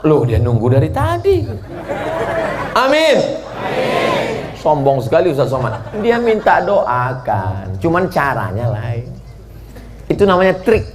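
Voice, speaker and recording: A man preaching a dawn sermon in a mosque, lively and joking, who bursts into shouts and draws out chanted Arabic phrases. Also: lowish voice. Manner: animated, jumps to shouting, playful jokes, drawn-out chanted Arabic.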